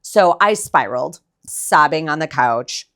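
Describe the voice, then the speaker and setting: A woman's voice: low voice, animated, measured pace, fairly bright tone. A young adult woman talking candidly as a podcast guest, chatty and full of "like", blunt and casually swearing. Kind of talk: candid conversational interview.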